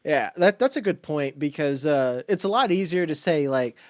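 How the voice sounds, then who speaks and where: A man's voice: fairly high pitch, expressive, normal speed, no room sound, clean studio sound. A man co-hosting a podcast, joking through a casual TV recap and slipping into exaggerated voices. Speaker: podcast co-host.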